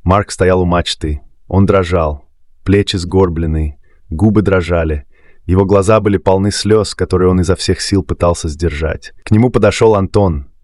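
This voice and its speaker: Deep-voiced guy reading a sea story, dry close mic, steady delivery. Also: normal speed, dry recording. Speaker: narrator. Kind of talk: scripted narration.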